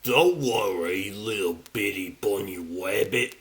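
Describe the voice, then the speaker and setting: A man voicing a big, tough but gentle pig superhero in a cartoon comic dub. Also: fairly low pitch, slow. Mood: reassuring.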